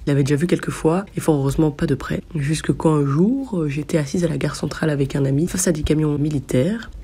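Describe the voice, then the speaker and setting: A woman's voice: low voice, fast talker, dark tone, breathy edge. A woman telling a crude personal anecdote in a vivid, hesitant way, with many fillers. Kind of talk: casual storytelling.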